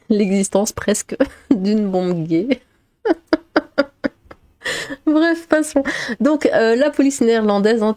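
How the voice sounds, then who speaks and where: A woman streamer giving casual commentary, filling pauses with 'euh', laughing and making sarcastic remarks as she reads out comments. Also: mid-range voice, warm tone, no room sound.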